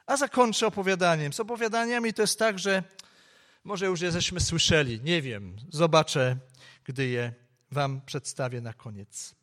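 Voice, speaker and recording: High-voiced man telling a sermon story. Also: moderate pace. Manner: expressive storytelling, shifting pace. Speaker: preacher. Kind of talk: Christmas sermon with a told story.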